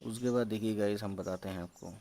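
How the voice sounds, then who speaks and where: Male teacher, slow patient spelling drills, English words slipped in. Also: on the low side, dark tone. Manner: slow, patient syllable-by-syllable sounding out; mixes English words into explanations. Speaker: Urdu teacher.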